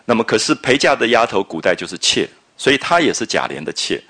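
A man's voice: fairly low pitch, big pitch swings, fast, sharp tone. A man giving a literature lecture, retelling scenes from a classic novel and breaking in with comments and questions to his listeners. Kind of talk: storytelling lecture.

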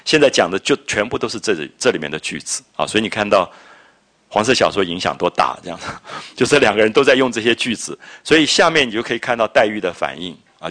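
A man lecturing on a classic novel, retelling scenes and explaining old phrases in a chatty, lively way. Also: lowish voice. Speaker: literature lecturer. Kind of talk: storytelling literature lecture.

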